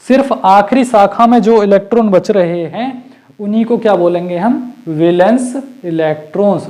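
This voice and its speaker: A man with a high, mellow voice gives an exam-prep physics lecture. He keeps asking his class questions and answering them himself. He repeats the key terms over and over. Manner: mixes Hindi with English terms. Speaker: teacher.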